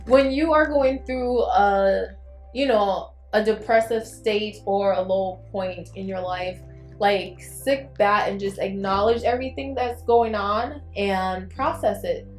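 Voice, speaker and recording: In an echoey room, a Liberian woman with a mid-range voice hosts her YouTube channel, talking straight to the camera. She shares personal thoughts in a candid, reflective way, like a casual confession.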